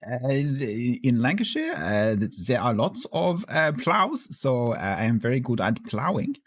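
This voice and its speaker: A man voicing a naive, bumbling farmhand at a job interview, hesitant and halting in broken English. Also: medium pitch, sing-song. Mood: eager, halting. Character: naive bumbling German farmhand job applicant named Klaus.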